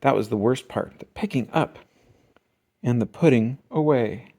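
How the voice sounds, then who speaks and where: An adult with a mellow, mid-range voice reads a children's picture book aloud at a measured pace. The scripted narration is expressive, drawing out key words for emphasis.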